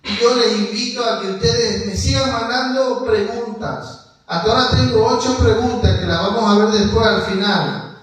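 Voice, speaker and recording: A man's voice: high-pitched, normal speed. A man preaching an emphatic sermon, asking the congregation to repeat phrases after him. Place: church hall. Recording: very echoey hall, voice from far off.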